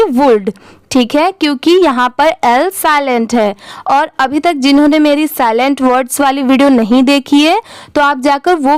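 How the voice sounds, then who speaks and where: A woman teaching English reading, spelling each word letter by letter, then saying it slowly and asking and answering her own questions. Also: high voice, dry recording. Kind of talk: step-by-step spelling and pronunciation lesson.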